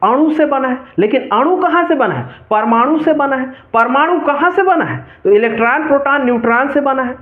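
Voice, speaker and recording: A man's voice: very high-pitched, lively intonation, a little fast, hardly any pauses. A male teacher with a Chhattisgarhi accent giving an exam-prep chemistry lesson, asking questions and repeating the answers. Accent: Chhattisgarhi Hindi. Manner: call-and-response quizzing, repeats key answers. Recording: tinny, echoey lo-fi room audio.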